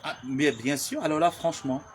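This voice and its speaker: A man's voice: a little high, moderate pace, slight background noise. A man chatting casually and jokingly to his viewers, repeating himself as he talks. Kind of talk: casual chat reacting to viewers.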